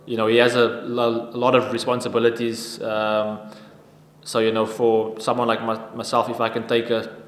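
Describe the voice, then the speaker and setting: A man in his thirties answering questions at a post-match press conference at a table mic, even-toned and halting with frequent restarts. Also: medium pitch. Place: press conference room with sponsor backdrop. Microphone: table microphone. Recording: echoey room with long reverb.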